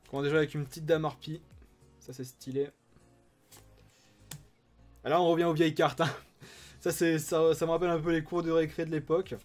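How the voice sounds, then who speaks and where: A man's voice: fairly high pitch, flat delivery, brisk, pauses often, soft background music. Chatty man opening card packs. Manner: enthusiastic, chatty, reads card names aloud. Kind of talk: casual unboxing commentary.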